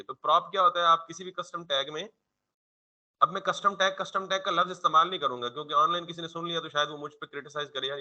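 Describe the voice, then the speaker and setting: A man teaching code with a sharp, tense brightness in his voice that sits slightly high for a man. He explains in a relaxed, conversational classroom way. He keeps throwing questions at the listener and then answering them himself. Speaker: programming instructor. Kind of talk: coding tutorial lecture.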